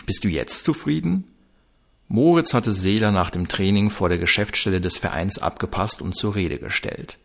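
A man reading a crime story aloud in a calm, measured way. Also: low voice. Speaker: audiobook narrator.

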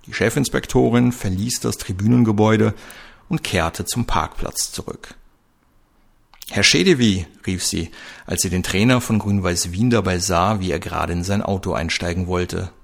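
A man reading a crime story aloud as narrator, in a steady, even storytelling manner. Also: deep voice, moderate pace, vocal fry. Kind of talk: scripted audio-drama narration.

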